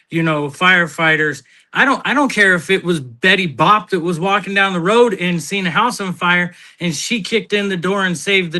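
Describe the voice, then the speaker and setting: A man telling stories in casual chat on a live talk show, blunt and swearing freely. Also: sits high. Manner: blunt, animated storyteller who swears.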